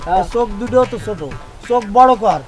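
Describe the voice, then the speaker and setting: A man's voice: very high voice, fast talker. A man playing a boastful, bossy village man who scolds and brags, with faint music behind. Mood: scolding. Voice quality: blustering, scolding. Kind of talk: comic village drama acting.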